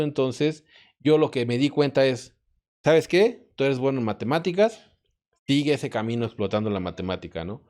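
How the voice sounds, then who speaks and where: A man's voice: mid-range voice, a little mellow. Hesitant Mexican man reflecting aloud. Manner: reflective, hesitant, restarts often. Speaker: podcast guest, math and physics professor. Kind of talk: casual podcast conversation.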